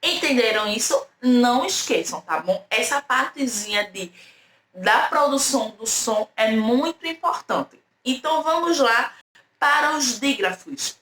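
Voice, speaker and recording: A woman teacher giving a slow, patient online language lesson to young children, stressing each sound and asking them to repeat after her. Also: on the high side, lively intonation, fairly bright tone, reverberant, a little hiss or hum.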